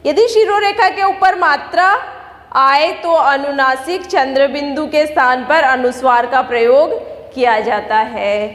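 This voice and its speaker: A woman's voice: high voice, a little slow, a bit bright. A woman teacher giving a grammar lesson to children, explaining step by step and answering her own questions. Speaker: school teacher. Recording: echoey room with long reverb.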